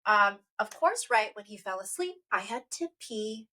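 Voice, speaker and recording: A woman in her thirties, co-hosting a podcast, telling a story in an animated way. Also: mid-range voice, moderate pace. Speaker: podcast co-host. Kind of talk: casual chat.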